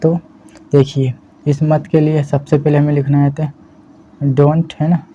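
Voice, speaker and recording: A man teaching a language lesson at an unhurried pace, in a very dark, mellow voice that stays flat in pitch. He keeps checking in with his students as he explains. The audio is a little dull and lo-fi, with faint hiss behind him. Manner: slow, repeats "है ना" as a steady check-in. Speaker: spoken English teacher.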